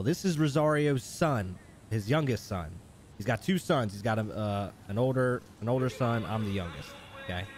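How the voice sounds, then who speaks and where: A man with a mid-range voice hosting a live stream in a relaxed, chatty way. He reads viewer messages, thanks people by name and laughs often. His talk is loose, friendly everyday streamer banter. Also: mid-range voice, a little hiss or hum. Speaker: streamer and host. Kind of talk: live stream chat and roleplay commentary.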